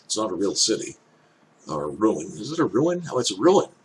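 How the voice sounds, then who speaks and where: An older man with an elderly-sounding voice gives casual off-the-cuff commentary, thinking aloud in halting, hesitant phrases. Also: lowish voice, sing-song, poor audio. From Canada. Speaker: reaction video host. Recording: clear background noise.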